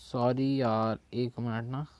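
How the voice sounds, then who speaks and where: A man's voice: mid-range voice, level tone, slow pace, a little mellow, clear, resonant tone, no echo, dull audio. A man with a Chhattisgarhi Hindi accent teaching a language in a casual spoken lesson, often checking in and correcting his own slips. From India.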